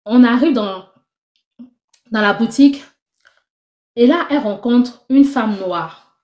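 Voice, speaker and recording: A young woman giving a lively personal faith testimony, acting out the conversations she tells. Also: a little high, slow. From Ivory Coast. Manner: animated storytelling, acting out dialogue. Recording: roomy echo.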